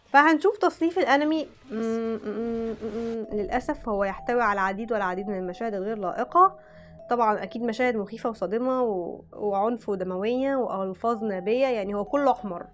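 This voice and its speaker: Egyptian woman vlogging, talks super fast, bit high, keeps cutting herself off and restarting. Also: fairly bright tone, faint music behind. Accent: Egyptian Arabic. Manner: chatty, frank, breaks off mid-word and restarts. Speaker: anime vlogger. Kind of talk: casual chat reading out recommendations.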